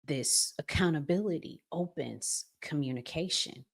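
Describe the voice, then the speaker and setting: A low, creaky, unhurried voice belongs to this American host of a relationship advice channel. She talks casually and with emphasis, uses colloquial phrasing, stretches her important words, and acts out examples as she advises.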